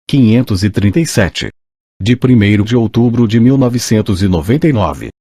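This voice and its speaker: A synthesized male voice with a Brazilian accent, like an old speech synthesizer, reading an audiobook in a mechanical, measured way. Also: fairly low pitch, warm tone, dry recording, studio quality. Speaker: audiobook narrator. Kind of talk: scripted audiobook reading of a list of laws and credits.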